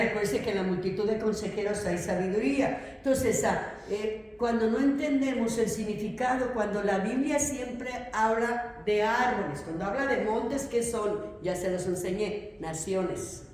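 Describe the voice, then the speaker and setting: A woman's voice: fairly high pitch, darkish tone. A woman teaching a theology class, emphatic, often asking questions and repeating her points. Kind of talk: classroom lecture. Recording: very echoey room.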